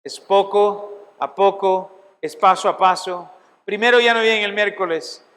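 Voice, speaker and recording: High-voiced man preaching in a hall. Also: measured pace, a bit bright. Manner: emphatic, asks the audience questions. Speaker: pastor teaching a seminary class. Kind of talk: sermon-like Bible lecture. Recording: long hall reverb.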